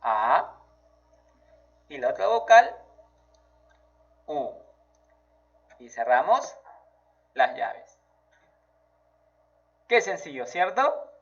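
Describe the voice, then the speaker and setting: A man gives a children's math lesson in a high voice that swings up and down. He talks slowly and keeps encouraging the child. The audio sounds dull and lo-fi. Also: sing-song, fairly bright tone, breathy edge. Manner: slow, encouraging, praising the child. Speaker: teacher.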